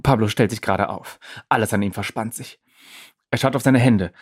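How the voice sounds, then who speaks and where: A man narrating an audiobook story in an expressive, dramatic way. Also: fairly low pitch, normal speed, husky. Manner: lively, expressive.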